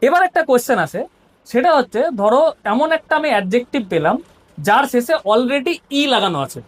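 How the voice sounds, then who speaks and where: A Bengali-accented woman teacher walks her students through grammar one step at a time, frequently asking "ঠিক আছে?" to make sure they're keeping up. Her voice is fairly high and lively, with a slightly quick pace.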